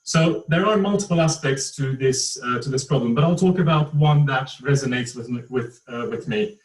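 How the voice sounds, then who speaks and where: A man's voice: mid-range voice, normal speed, reverberant, distant mic, poor audio. A man from Turkey, an engineer, giving an online presentation on a video call, hesitant with many fillers and restarts. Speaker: engineer, panel speaker.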